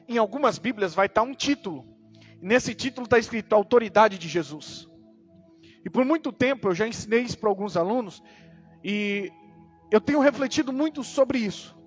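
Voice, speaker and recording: A pastor with a Brazilian Portuguese accent opens his sermon with a prayer, then teaches emphatically through repeated rhetorical questions. He has a high male voice.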